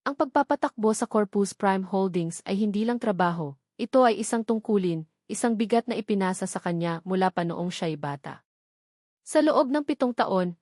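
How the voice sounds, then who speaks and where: A woman with a Filipino accent narrates a scripted romantic audio drama as a storyteller. Her voice is medium-pitched with a darkish tone, recorded in a clean studio with no echo.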